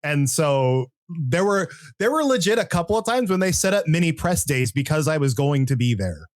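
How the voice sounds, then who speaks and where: A man hosting a podcast who chats excitedly and stumbles over repeated words. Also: on the high side, moderate pace, no room sound, studio quality. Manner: excitable, stammering restarts. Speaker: podcast host. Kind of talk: casual podcast chat.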